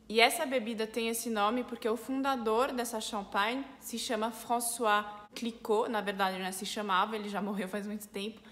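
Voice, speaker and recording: A woman with a Brazilian Portuguese accent, a French teacher, explaining pronunciation clearly step by step. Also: a little high, flat delivery, moderate pace, few pauses, fairly bright tone, in a large hall. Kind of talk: pronunciation lesson.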